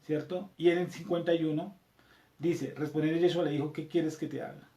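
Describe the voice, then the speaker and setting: A Colombian man leads a scripture class, reading passages aloud and going over them again. His voice sits a little high for a man. The room around him is noticeably echoey. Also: fairly even intonation, brisk, vocal fry, warm tone. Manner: reads verses aloud, repeats them, checks in with "¿cierto?". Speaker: Bible study teacher.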